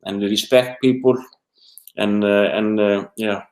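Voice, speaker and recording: A middle-aged man from Iceland with an Icelandic accent, an interview guest talking haltingly in English, his second language, searching for words. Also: fairly low pitch, fairly even intonation, darkish tone. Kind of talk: casual interview talk. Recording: roomy echo.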